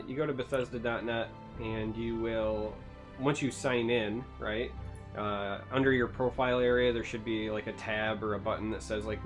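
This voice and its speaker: A man hosting a gaming podcast in casual chat, explaining things with plenty of fillers and teasing with dry humor. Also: lowish voice. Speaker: podcast host, streamer.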